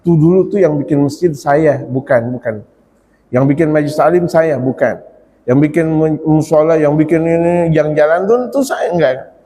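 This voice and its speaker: A man preaching a sermon to a congregation, animated, repeating phrases and drawing out prayers. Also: on the high side, moderate pace. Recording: long hall reverb.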